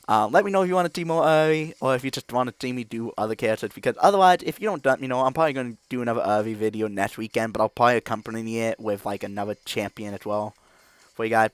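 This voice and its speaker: A man hosting a gaming channel who gives rambling, filler-heavy video game commentary and gets excited and loud at times. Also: medium pitch, fast talker, smooth, no echo.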